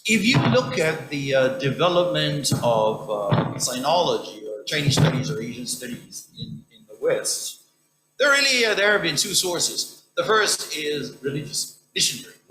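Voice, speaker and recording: A man lecturer answering an audience question in an academic Q&A, talking emphatically with wide swings in pitch. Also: sing-song, unhurried, sharp tone, faint music behind. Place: lecture hall. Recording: echoey hall.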